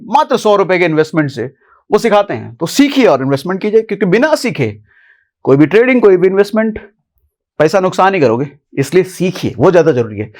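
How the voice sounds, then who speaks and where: A man hosting a casual finance explainer, chatty and animated, talking straight to viewers like a friend. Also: sits high. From India. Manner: chatty, animated, often addresses viewers as brother. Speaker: finance YouTuber host.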